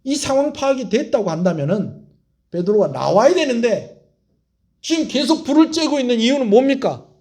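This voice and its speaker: Brief: male preacher, lively sermon delivery, raised pitch, asks the room questions. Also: moderate pace. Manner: animated preaching, putting questions to the congregation. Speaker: pastor.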